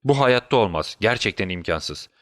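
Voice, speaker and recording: A man's voice: fairly low pitch, animated, normal speed, no room sound, studio quality, natural voice. A man voicing a sick, feverish male detective in a storybook reading, urgent and conspiratorial.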